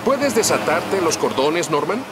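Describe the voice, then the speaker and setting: An actor playing a calm, friendly, reassuring fireman hero in a Latin American Spanish children's cartoon. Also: on the high side, a little slow. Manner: reassuring, instructive. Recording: loud music behind the voice.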